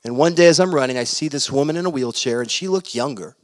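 A male pastor preaching a sermon, telling stories in an animated way that swings between loud and hushed. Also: mid-range voice, quick pace. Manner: animated, shifting loud and soft. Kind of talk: storytelling sermon.

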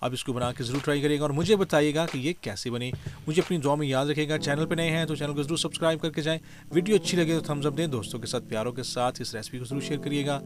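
A man's voice: a little high, quick pace. A man, a chef hosting his own cooking show, talks viewers through a recipe step by step in a friendly voice-over. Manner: friendly, step-by-step, keeps saying "perfect". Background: guitar music.

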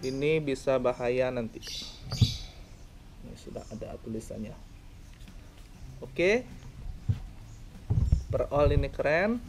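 Slow-talking young man reviewing a fishing rod. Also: medium pitch, lively intonation, slight background noise. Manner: plain explaining, counts and points things out. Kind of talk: casual product review. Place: outdoors by a roadside with plants.

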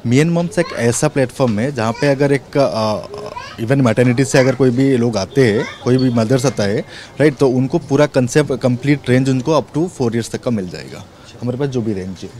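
Relaxed man with a mellow voice. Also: mid-range voice, moderate pace, a little hiss or hum. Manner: talks in a relaxed way, tags many phrases with "right" and "okay". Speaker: area sales manager. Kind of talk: on-camera interview. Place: indoors in a children's clothing store. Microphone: handheld reporters' mics held close.

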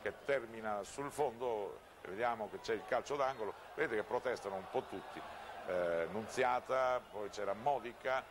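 Male football commentator, fairly low pitch, running match description, clearly noisy outdoor stadium broadcast. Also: moderate pace. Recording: noisy old TV broadcast audio. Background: outdoor stadium ambience.

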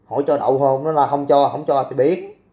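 A man's voice: medium pitch, brisk, mellow. A young man, hosting a casual livestream, reading out comments and talking back in a brash, crude way. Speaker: livestream host.

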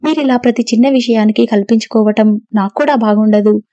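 A woman's voice: a little high, a little fast, no room sound, lo-fi sound, close to an everyday voice. A woman voicing a proud, strong-willed young wife who answers back sharply. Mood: defiant. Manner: sharp, retorting.

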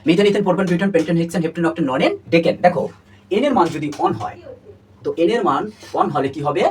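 A man teaching chemistry at a very quick pace, his voice a little higher than most. He runs through terms by repeating them again and again and keeps asking his students questions. The mic sits away from him, with faint noise behind. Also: distant mic, low-quality recording. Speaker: chemistry tutor. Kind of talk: classroom lecture.

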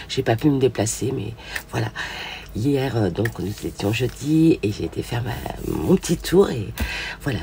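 An older woman with a hoarse voice, chatting through a craft haul and gushing over each find with many fillers. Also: extremely low pitch, a little mellow, slight background noise. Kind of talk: casual show-and-tell haul.

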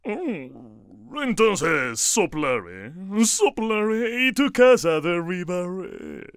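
A man's voice: high voice, very animated, drawn-out words, clear, resonant tone, dry recording, clean studio sound, voice pushed up, heavily acted. A man playing a sly, scheming wolf. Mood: menacing. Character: sly, hungry big bad wolf.

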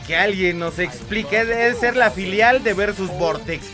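A man's voice: sits high, unhurried, music in the background. A man hosting a casual gaming chat show, playful and full of slang nicknames for his audience. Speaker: co-host.

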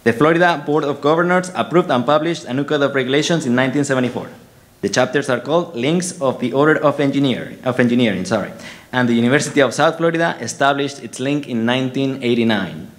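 A man's voice: mid-range voice, fast talker. A man, an engineering professor, speaking at a graduation induction ceremony, joking at first and then reading a formal history. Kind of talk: ceremony speech. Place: ceremony hall.

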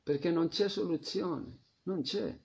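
A man teaching a devotional scripture class, reflective, often trailing off into a soft murmur. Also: a little high, slow pace, creaky. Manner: reflective, drops to a soft murmur at phrase ends. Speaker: spiritual teacher. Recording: dull lo-fi recording.

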